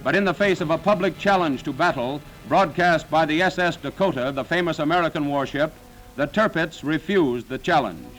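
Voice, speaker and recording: A man's voice: fairly high pitch, a little fast, a bit bright, low-quality recording. Guy doing old 1940s newsreel narration, dramatic and solemn, faint music behind.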